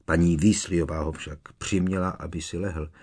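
A man narrating an audiobook in a steady, even storytelling manner. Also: low-pitched, husky. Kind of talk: scripted narration.

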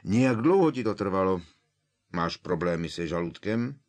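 A man putting on a fussy, vain old wizard professor, flustered and grumbling, with a deep, low voice underneath that keeps lifting into higher, fretful protests. The storybook figure hedges and mutters, reluctant at every turn. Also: expressive, darkish tone.

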